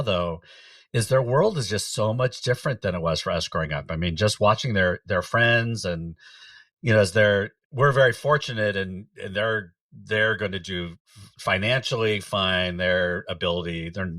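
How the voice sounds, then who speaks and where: A middle-aged man hosting a podcast, chatting in a relaxed way, laughing often and letting sentences trail off. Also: fairly low pitch, normal speed, no room sound, far from the mic. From United States. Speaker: podcast host. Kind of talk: casual conversation.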